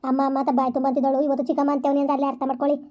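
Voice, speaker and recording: In a lightly acted village-skit role, a woman voices a protective, indignant young elder sister who fires off quick scolding lines. The high voice has a mellow, darker tone but stays monotone, and the recording is muffled.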